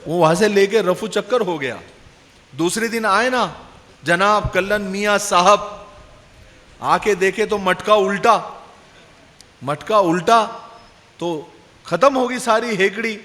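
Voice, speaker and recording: A male Islamic preacher from Pune tells a sermon story in a lively way and quizzes his audience. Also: high-pitched, pauses often. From Pune, India. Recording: long hall reverb.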